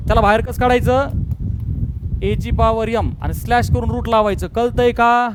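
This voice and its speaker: A man teaching math in a classroom, drilling students to answer out loud, scolding and joking as he mixes in English terms. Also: very high-pitched, steady tone, normal speed, background noise. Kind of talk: classroom lecture.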